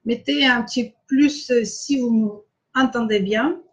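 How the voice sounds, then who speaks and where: Russian lady hosting a live webcam class, kinda high voice, slow and hesitant, muffled lo-fi stream sound. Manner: slow, hesitant, with many filler pauses, greeting viewers by name. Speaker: online masterclass host.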